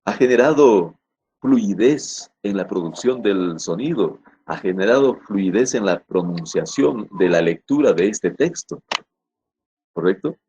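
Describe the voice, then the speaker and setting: A man's voice: lowish voice, expressive, mellow, muffled recording. A middle-aged man teaching a recorded grammar lesson, repeating and rephrasing his points and checking often that his students follow. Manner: deliberate, stresses key words.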